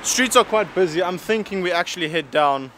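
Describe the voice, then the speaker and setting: A South African man in his thirties, a photographer vlogging as he walks down a busy city street, chats casually in a high voice at a slightly fast pace. He sounds relaxed and talkative, filming on a handheld camera held at arm's length. Loud street traffic fills the recording.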